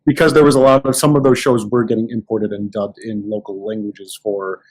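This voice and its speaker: A man in casual podcast chat, telling anecdotes with animated restarts. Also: lowish voice, fairly quick, poor audio. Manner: storytelling, animated, many restarts. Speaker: podcast guest.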